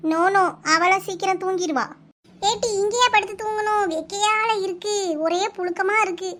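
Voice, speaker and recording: A woman with a Kanyakumari Tamil accent voicing village women in a cartoon, with brisk, bossy chatter. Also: very high voice, fairly bright tone. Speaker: cartoon voice artist. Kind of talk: cartoon voice acting.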